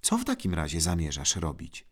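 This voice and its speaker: A man reading aloud, voicing a worried middle-aged mother who pleads softly with her sons. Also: a bass voice, wildly swooping pitch, fairly quick, heavily acted. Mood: reproachful.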